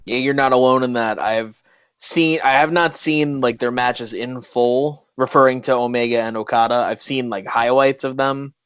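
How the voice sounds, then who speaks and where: A man's voice: medium pitch, steady tone, moderate pace, fairly bright tone, clean tone, dry recording. A man hosting a podcast in casual chat, joking around and laughing often. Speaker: podcast host. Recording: dull lo-fi audio.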